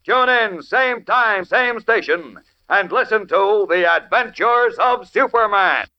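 A man's voice: high voice, lively intonation, takes it slowly. A man speaking as a 1940s radio announcer for a serial, urgent and dramatic. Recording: dull lo-fi old radio recording.

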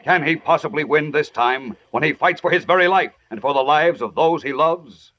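A man's voice: fairly high pitch, normal speed. A man narrating as a 1940s old radio announcer, with an urgent, theatrical, emphatic scripted delivery. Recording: noisy, dull vintage radio recording.

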